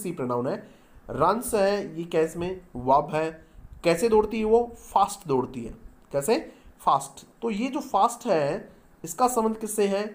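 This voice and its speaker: Teaching a grammar lesson with a voice on the high side, this man keeps quizzing the class and then supplying the answers himself. Example sentences are spelled out at a slow pace.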